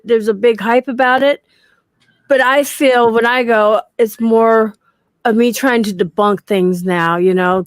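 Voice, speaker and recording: A woman hosting a casual chat, eager and quick to agree. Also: a little high, no echo.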